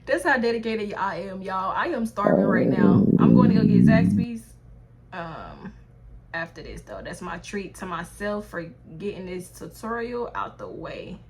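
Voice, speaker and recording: Slow-talking young woman beauty vlogger. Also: fairly low pitch, very animated, crowd noise. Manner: chatty, addresses viewers as y'all, drawn-out pace. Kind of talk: casual makeup tutorial chat.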